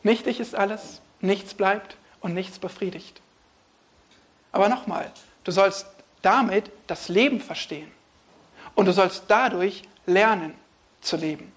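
A man preaching a sermon on a Bible passage, swinging between hushed, quiet phrases and emphatic, raised ones. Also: sits high, a little slow, long pauses.

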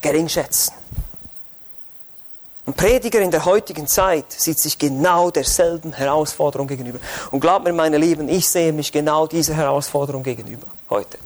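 A man's voice: fairly high pitch, brisk. A man preaching an expository sermon in church, fervent and rising to urgent exhortation.

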